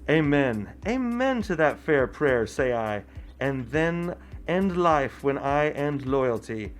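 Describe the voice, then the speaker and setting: A man acting a young nobleman in a home Shakespeare production, declaiming verse at a slow pace, with faint music underneath. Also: medium pitch, sing-song. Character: Oberon then Lysander, young nobleman. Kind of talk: amateur home Shakespeare performance.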